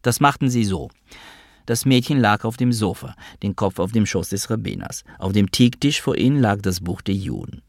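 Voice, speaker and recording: Man, low voice, wry first-person narration, audiobook, dry close recording. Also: normal speed, no echo. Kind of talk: audiobook reading.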